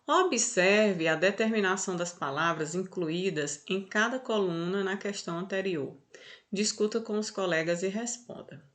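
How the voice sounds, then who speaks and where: Brief: Brazilian woman teacher, online class, slow deliberate delivery, lowish voice, keeps checking in with students. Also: a bit bright. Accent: Brazilian Portuguese. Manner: unhurried, many checking "tá?" and "olha só". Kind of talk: online class, going over answers.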